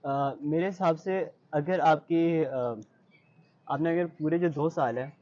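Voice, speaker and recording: A young man, a university student being interviewed, answers questions conversationally in a Pakistani accent, explaining things and offering advice while mixing in English words. His voice is fairly high and a little mellow, and he takes his time. There's no echo, but the highs are cut off.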